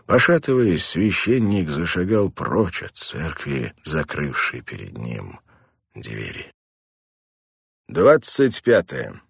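A male audiobook narrator reads in a measured, dramatic way. His voice is very deep and husky, and the recording is dry with no room sound. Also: no room sound. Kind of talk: scripted narration.

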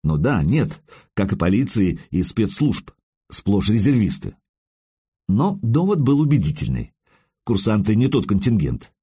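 A man narrating an audiobook in the first person, in an expressive, conversational way. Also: on the low side, measured pace, breathy edge.

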